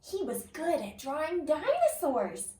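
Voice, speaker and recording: Here a kindergarten teacher with a very high, lively voice gives an animated read-aloud of a children's picture book. She hams it up and pauses now and then to quiz her young audience, while the distant mic leaves a roomy echo.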